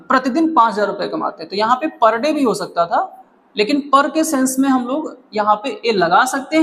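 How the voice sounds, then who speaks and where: A man's voice: sits high, rough recording. Hindi-accented male teacher quizzing his class. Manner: explains step by step, asks the class questions and answers them himself. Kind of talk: classroom grammar lesson.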